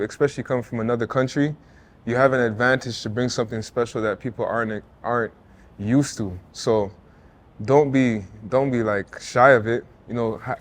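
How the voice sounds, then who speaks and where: In his thirties, this former football player and artist from Jamaica, raised in Toronto, speaks with a middling pitch as an interview guest. His casual, reflective talk is relaxed and earnest, full of "you know" and "like," with some restarted phrases.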